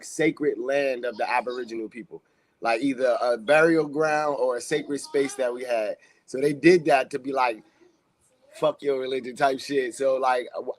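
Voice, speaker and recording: A man talks freely as a podcast guest in a loose, rambling way, leaning on fillers and slang. His voice sits in a middle pitch. A faint background hiss runs under it. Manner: loose, rambling delivery full of "like" and "uh", street slang. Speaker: podcast guest, community activist. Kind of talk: casual podcast interview.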